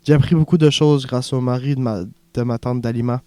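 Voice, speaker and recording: A man voicing a young male refugee who dreams of acting, earnest and haunted, in a soft confiding way, for an audiobook. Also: mid-range voice, fairly even intonation, brisk, dry recording, natural voice.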